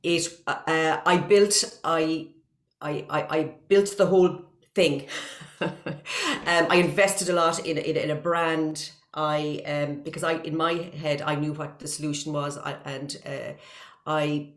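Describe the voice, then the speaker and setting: A woman's voice: deep voice, fairly even intonation, takes it slowly, echoey room. An Irish woman, a guest on an interview over a video call, talking casually and stumbling through many false starts and repeated words. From Ireland. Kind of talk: casual chat.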